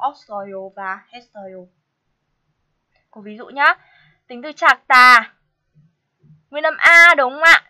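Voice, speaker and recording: A woman's voice: a little high, bright, forceful tone. A woman teaching a language course, patiently explaining grammar and asking her students check questions.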